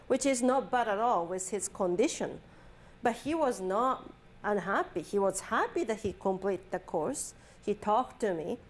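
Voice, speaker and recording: A woman psychology professor giving a classroom lecture, mixing chatty stories with textbook definitions and acting out quoted dialogue. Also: mid-range voice.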